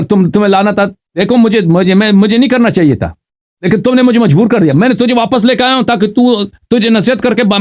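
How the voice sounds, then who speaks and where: A man with a high, lively voice argues forcefully as host of a live debate. He repeats his points and talks over the other side, with his pitch swinging widely as he presses on. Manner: emphatic, repeats himself, talks over the caller.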